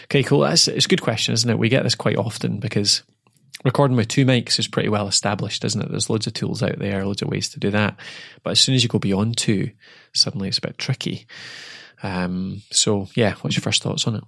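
Gravelly-voiced chatty podcast host. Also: male voice, on the low side, steady tone, fairly quick, a bit bright, dry recording, studio quality. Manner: chatty, laughs easily, frequent tag questions. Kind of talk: casual chat.

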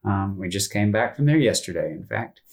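A man in his thirties from North Carolina, a musician telling his story in a casual interview, relaxed and rambling with frequent fillers and restarts. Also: fairly low pitch, moderate pace, creaky. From North Carolina, USA. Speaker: musician guest.

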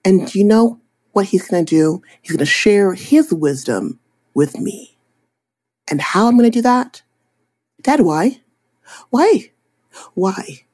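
A woman's voice: mid-range voice, normal speed. A young adult woman, a photographer and attorney, chatting animatedly in an interview and acting out little scenes. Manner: animated, chatty, acts out voices in anecdotes. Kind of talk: casual interview storytelling.

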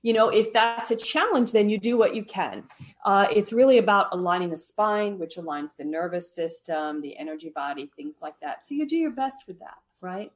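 A woman's voice: mid-range voice, lively intonation, moderate pace. A woman as a podcast guest, explaining meditation habits in a friendly, explanatory way and often checking in with "right?". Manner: explanatory, often tags "right?", light laughs. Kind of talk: podcast interview.

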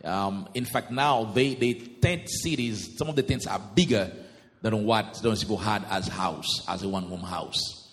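Casting note: late-thirties man from Haiti, deep-ish voice, earnest guest pastor testimony, reverberant hall. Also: unhurried, fairly bright tone. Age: 30s. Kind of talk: interview testimony in church.

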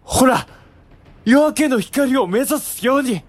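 A man playing a samurai herald, a general's younger brother, proclaiming loudly like a town crier in a period drama. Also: very high voice, lively intonation, moderate pace. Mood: exalted. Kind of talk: period audio drama acting.

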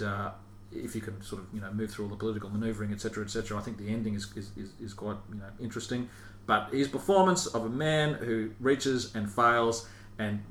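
This podcast host's voice sits on the low side with a fairly bright tone. Casual and rambling, he hesitates often and chuckles while reading aloud, recorded in an echoey room with a faint hiss.

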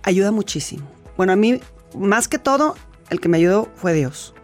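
A woman's voice: mid-range voice, lively intonation, normal speed, darkish tone, soft background music. A Mexican woman, a laughter therapy expert, telling her story as a guest in a conversational interview, chatty and full of restarts.

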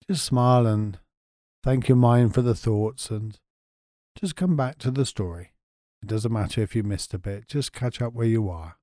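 Soft-spoken man, deep mellow tone. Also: no echo, studio quality. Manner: soft, slow and soothing. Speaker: meditation guide. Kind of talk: guided sleep meditation.

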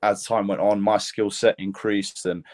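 Low-voiced laid-back British young man. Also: level tone, normal speed, a little mellow. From Lithuania. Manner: rambling, laid-back storytelling with many fillers. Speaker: mixed martial arts fighter, guest. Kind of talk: casual podcast interview.

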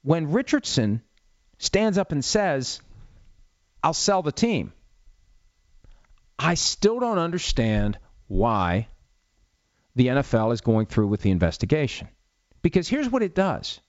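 A man's voice: mid-range voice, wildly swooping pitch, a little slow, dry recording, lo-fi sound. A middle-aged man hosting a sports talk show, explaining legal matters in a conversational way with wry asides. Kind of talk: casual talk-show commentary.

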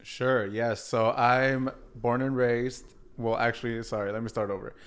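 A young man from Mexico, a podcast guest, talking in a measured, thoughtful way and sometimes correcting himself. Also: medium pitch, little pitch movement, a bit bright, smooth. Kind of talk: casual chat.

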